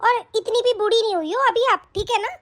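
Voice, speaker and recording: A woman's voice: extremely high pitch, fast. Woman voicing a whiny spoiled young wife. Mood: defiant. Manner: whiny, complaining, defiant. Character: spoiled quarrelsome young married daughter. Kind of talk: animated story voice acting.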